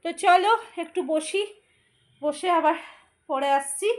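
A woman's voice: very high voice, measured pace, reverberant, low-quality recording. A woman chatting casually to her viewers as she walks around her home and does chores. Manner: chatty, addresses viewers as friends; talks softly at times, walking around the home. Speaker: vlogger, homemaker. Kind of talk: casual vlog chat to viewers. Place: home, indoors.

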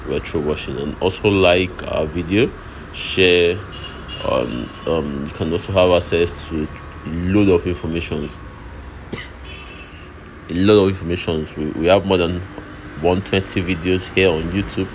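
Deep-voiced man filming his workshop. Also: a little slow. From Nigeria. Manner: explaining step by step, repeats himself. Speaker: oven fabricator showing his work. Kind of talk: walkthrough narration while filming. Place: workshop and outdoor street site. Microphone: phone held while filming. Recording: phone video with loud background noise.

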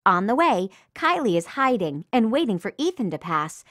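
A woman's voice: medium pitch, sing-song, normal speed, a bit bright, dry recording, studio quality. A woman voicing a perky, encouraging narrator for a children's makeover game, in an exclamatory, sing-song way. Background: music.

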